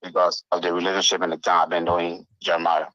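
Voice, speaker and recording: A man phones into a talk show on a three-way call. His voice is low and forceful, coming over a dull phone line. He starts and restarts phrases in a deliberate, halting way. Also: monotone, no room sound. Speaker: phone-in caller.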